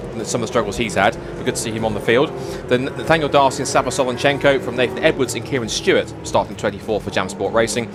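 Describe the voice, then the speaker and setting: A man commentating on motorsport, rapidly running through the starting grid. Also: mid-range voice. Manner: rapid and lively, reads off names. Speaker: race commentator.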